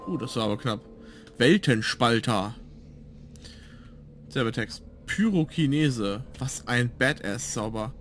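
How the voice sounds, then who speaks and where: A man's voice: medium pitch, expressive, slow, long pauses, a bit bright, faint music behind. A man giving casual gameplay commentary as a let's player, musing aloud to himself. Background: game sound.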